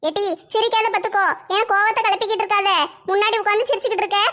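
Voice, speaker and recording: Cartoon mother played by a voice actor, stern, scolding, name-calling, very high voice, bright and piercing. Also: flat delivery, racing. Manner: scolds sharply, calls her daughters names. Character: stern scolding village mother of two girls. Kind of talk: comic cartoon voice acting.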